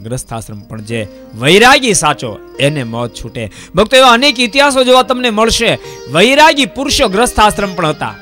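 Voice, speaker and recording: A man, a monk preaching a folksy sermon, telling stories and repeating questions to the crowd. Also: a little high. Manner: repeats rhetorical questions to the audience; lively storytelling, voices the people in his stories.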